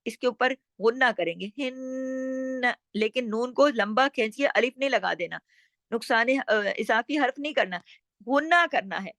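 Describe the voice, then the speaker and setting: A woman teaching Quran recitation step by step, explaining rules slowly and chanting words drawn out. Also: a little high, expressive, a bit bright, no echo.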